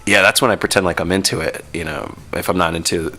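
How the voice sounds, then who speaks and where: A man's voice: low voice, steady tone, quick pace, sharp tone, faint music behind. A man chatting on a radio studio podcast, rambling and poking fun at himself. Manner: rambling, self-mocking. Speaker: podcast co-host. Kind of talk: casual chat.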